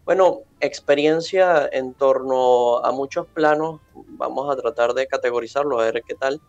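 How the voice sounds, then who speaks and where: A man, answering interview questions in a measured, formal way with many fillers. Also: mid-range voice, no echo, highs cut off, soft background music. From Venezuela. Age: 20s. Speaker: interview guest.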